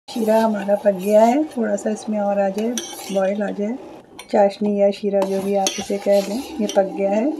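A woman hosting her cooking channel, calmly explaining each step of a recipe as she cooks in her home kitchen. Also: mid-range voice, background noise.

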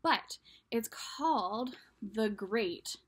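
In a small room at home, a storyteller in her thirties casually introduces a picture book, addressing young viewers directly. Her voice is husky and a little high, with lively intonation and an extremely slow pace.

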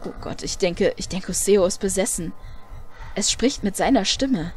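A woman's voice: mid-range voice, expressive, unhurried, a little mellow, a little hiss or hum. A woman hosting a let's play, chatting casually and reading the game text aloud.

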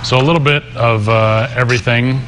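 A man's voice: medium pitch, steady tone, a little fast, fairly bright tone. A middle-aged man giving a casual promotional interview from a sports bar, speaking hesitantly and easily. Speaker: restaurant representative, interview guest. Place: sports bar, remote link. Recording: noisy busy sports bar ambience.

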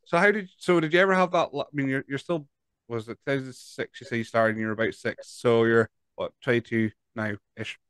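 A Scottish podcast host in his thirties chats through a casual interview over a video call, stumbling over repeated words. Using a large studio mic with headphones, his mid-range voice is brisk, fairly bright and smooth, with no room sound.

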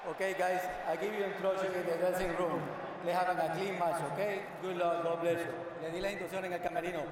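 A man refereeing boxing, giving quick pre-fight instructions in the ring. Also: high voice, flat delivery. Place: boxing ring in a large stadium. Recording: very echoey, distant, noisy arena sound.

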